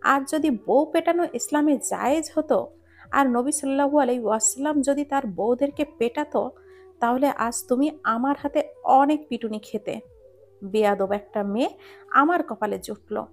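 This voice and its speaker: A woman reading a storybook romance aloud, voicing a hot-tempered young husband who scolds gruffly. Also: sits high, normal speed, darkish tone. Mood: angry.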